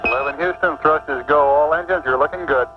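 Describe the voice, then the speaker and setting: A man's voice: fairly high pitch, brisk, music in the background. A man speaking in clipped radio procedure over an archive air-to-ground radio transmission. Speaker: mission control and crew radio traffic. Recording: muffled archive radio with static hiss.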